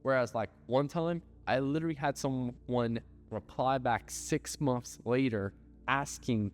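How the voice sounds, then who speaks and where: A man's voice: mid-range voice, a little slow. A man giving casual business advice, blunt and loose, with lots of filler words and the odd swear. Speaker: ad agency owner. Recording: hall reverb with faint music.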